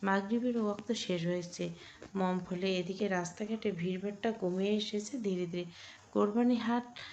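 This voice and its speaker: Gravelly-voiced woman narrating a romance. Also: mid-range voice, fairly even intonation, normal speed, a little mellow. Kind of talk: romantic audio story narration. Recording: dull lo-fi recording.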